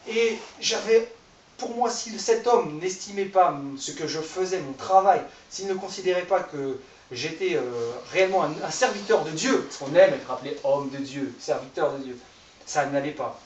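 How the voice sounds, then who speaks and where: In an echoey church hall, a man in his thirties delivers a casual sermon, talking conversationally, making self-deprecating remarks, and joking with listeners. His fairly high voice moves at a moderate pace, captured from a distance with a little hiss or hum.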